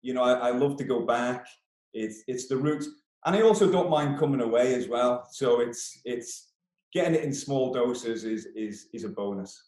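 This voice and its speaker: A man's voice: medium pitch, moderate pace, a little mellow. Male podcast guest, Isle of Man accent, conversational, recorded over a roomy video call. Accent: Manx (Isle of Man). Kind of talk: casual interview chat.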